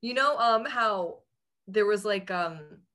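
A twenty-five-year-old woman, a podcast guest in casual chat, animated and self-mocking with quick asides. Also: mid-range voice.

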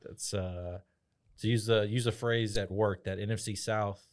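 A man co-hosting a sports podcast, tossing in quick wisecracks during casual chat. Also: on the low side, steady tone. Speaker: podcast co-host.

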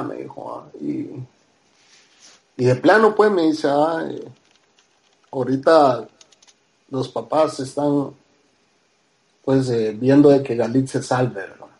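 Guatemalan man telling a story casually. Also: mid-range voice. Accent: Guatemalan Spanish. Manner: acts out dialogue, tags lines with "ah". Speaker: podcast guest storyteller.

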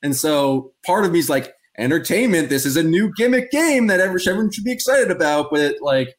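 A man's voice: fairly high pitch, lively intonation, a little fast. A man hosting a casual sports podcast, rambling and opinionated with a joking edge. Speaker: podcast host.

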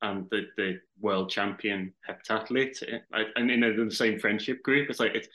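As a podcast guest, this Liverpool man chats casually in his Liverpool accent, rambling and restarting often. His voice is lowish and sharp, with a level tone and moderate pace. He's from Liverpool, England, and the audio quality is poor.

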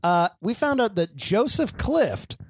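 Animated young man with a high voice. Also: a little slow, husky, no echo. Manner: animated, indignant joking. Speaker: podcast co-host. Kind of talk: casual comedic banter.

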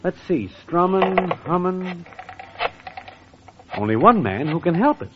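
A man playing a brash, wisecracking young schemer writing a song, with a husky voice, in 1940s radio comedy style, on a dull old recording. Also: high-pitched, sing-song, slow, noisy background, exaggerated voice. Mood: scheming. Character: fast-talking male songwriting schemer.

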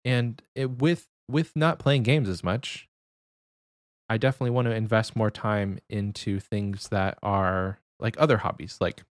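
Low-pitched man, casual podcast co-host. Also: steady tone, unhurried, dry recording, studio quality. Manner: talking quietly to avoid waking someone.

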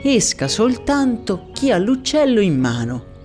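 A man's voice: high-pitched, very animated, measured pace, darkish tone, pitched above the performer's own voice. A man voicing a flustered parish priest who keeps preaching in a theatrical, exasperated way over solemn music. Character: flustered middle-aged male parish priest. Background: solemn background music.

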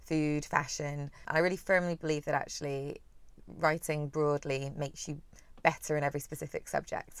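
Low-voiced woman, soft well-travelled Northern Irish accent. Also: creaky, clean tone, no echo. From Belfast, Northern Ireland, partly raised in Singapore. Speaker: travel writer being interviewed. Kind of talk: conversational interview.

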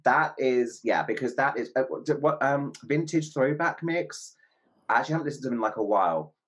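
A man co-hosting a casual music podcast, chatty and quick to laugh. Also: medium pitch, animated. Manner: chatty, giggly, apologetic asides. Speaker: podcast co-host. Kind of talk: casual chat.

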